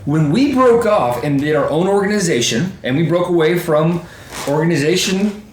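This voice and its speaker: A man's voice: fairly high pitch, moderate pace. A man in his thirties, a youth baseball coach co-hosting a casual podcast, talking with emphasis and acting out quotes. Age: 30s. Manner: animated, emphatic, quoting himself in asides. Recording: roomy echo with faint background noise.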